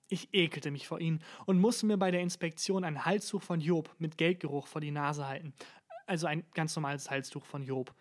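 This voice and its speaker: A narrator reads a dark satirical first-person story aloud. The delivery is dry and deadpan, letting each grim line land flatly. The voice sits at a middle pitch.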